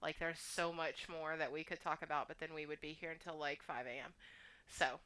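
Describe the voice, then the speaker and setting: Bright-voiced Texan woman, chatty. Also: deep voice, fairly even intonation, fairly quick, clean tone, low-quality recording. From Texas, USA. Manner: chatty, laughs easily, teasing. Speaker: podcast co-host. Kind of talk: casual chat.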